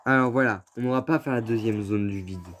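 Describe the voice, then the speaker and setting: A man's voice: medium pitch, fast talker, a bit bright, a little hiss or hum. A man giving casual, slangy gameplay commentary as a let's player, often grumbling in exasperation. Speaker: video game let's player. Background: faint game music.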